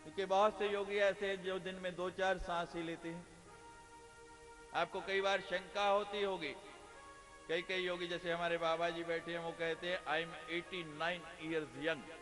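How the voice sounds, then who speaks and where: A male preacher gives a devotional talk full of humorous stories and playful questions to his listeners. His voice is bright and sits a little high. The sound carries a long hall reverb, with faint music behind it. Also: flat delivery, moderate pace. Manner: jokes and asks the audience questions. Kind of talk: devotional discourse with humorous storytelling.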